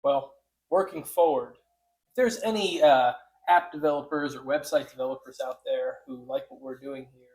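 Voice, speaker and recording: A man's voice: a little high, a little mellow, rough recording. Ranting, cursing male podcast host. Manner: ranting, profane, rambling. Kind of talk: casual podcast rant.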